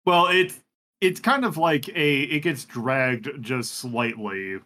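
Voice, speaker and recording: A man's voice: medium pitch, slow pace, sharp tone. A man running a tabletop game as game master, narrating with many fillers and restarts.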